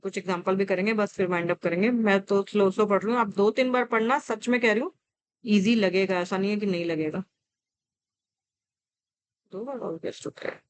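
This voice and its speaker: A woman teaching an exam-prep vocabulary lesson, reading word lists slowly with coaxing asides to students. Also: mid-range voice.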